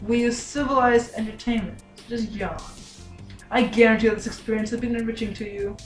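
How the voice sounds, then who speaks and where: A woman's voice: a little high, steady tone, a little fast, recorded from a distance, lightly acted. A young woman voicing a haughty, scornful male cat scientist who talks down to humans, in a student project skit. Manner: condescending, mocking humans. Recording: echoey room, from afar, faint music.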